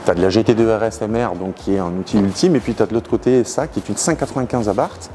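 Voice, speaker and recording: Here a garage owner speaks fast in a warm, fairly low voice while walking through customers' cars in a large indoor hangar. His explanations are casual and full of hesitation as he searches for words, and the garage's background noise comes through clearly.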